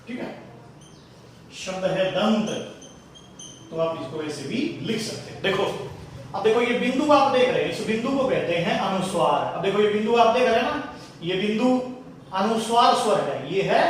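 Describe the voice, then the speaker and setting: Echoey, distant Hindi grammar teacher. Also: male voice, high-pitched, slight background noise. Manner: addresses students as children, repeats points patiently. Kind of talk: classroom lesson explaining grammar.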